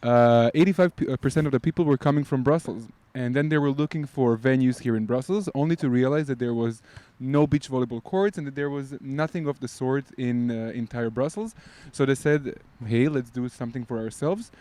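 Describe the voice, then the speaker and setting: A man's voice: mid-range voice, a little fast, hardly any pauses, dark tone, dry recording. A man guest on a casual podcast, recorded outdoors by beach volleyball courts, explaining at length with many fillers.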